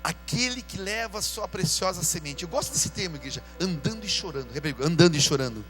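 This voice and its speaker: A man preaching a sermon as pastor, in a casual, slangy way, calling out to his church and shouting when he acts out people. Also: on the high side, expressive, quick pace, over music, poor audio. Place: church service with music behind.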